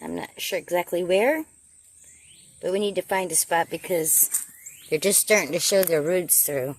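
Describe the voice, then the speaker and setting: A woman's voice: on the low side, normal speed, slight background noise. A woman narrating a casual garden vlog outdoors, thinking aloud as she works. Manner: chatty, thinking aloud while working. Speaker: gardener filming her garden.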